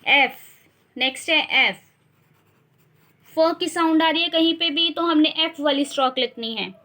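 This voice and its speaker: A young woman teaching shorthand, slowly repeating each sound and example word to drill it. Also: sits high, pushed and bright. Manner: slow, repeats sounds and words to drill them. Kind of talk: instructional explanation.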